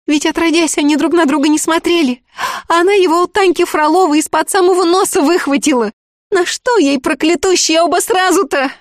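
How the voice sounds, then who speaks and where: A woman voicing a young peasant girl who pleads tearfully in a high, quick voice. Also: fairly even intonation, dry recording, studio quality, lightly acted. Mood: pleading.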